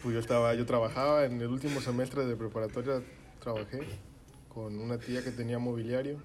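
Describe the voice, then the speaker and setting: A man's voice: mid-range voice, steady tone, a little fast, slight background noise. A young man with a Mexican accent telling a story to friends in casual, slangy chat full of swearing. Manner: slangy, swearing, acts out his own shouting in quotes.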